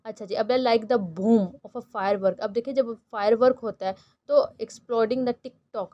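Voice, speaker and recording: A woman teaching a textbook lesson. She reads each English line slowly, then explains it at length with many fillers. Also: medium pitch, mellow, lo-fi sound. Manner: frequent fillers and restarts while explaining.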